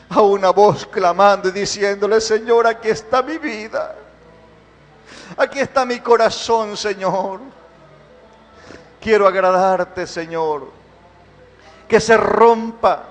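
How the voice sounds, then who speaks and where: A man with a high voice leads a congregation in prayer. He repeats his calls fervently, rising loud and then falling soft. His voice rings with the long reverb of a church hall. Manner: fervent, repetitive prayer calls, swells and drops in volume. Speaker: pastor. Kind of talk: sermon, leading congregational prayer. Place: church sanctuary.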